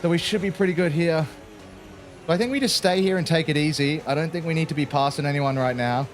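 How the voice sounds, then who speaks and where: An Australian man commentating his own racing game run in a casual, joking way. His voice sits slightly high, and he keeps dropping in "mate". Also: fast talker, faint music behind. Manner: chatty, jokey, peppered with "mate". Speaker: gaming channel host.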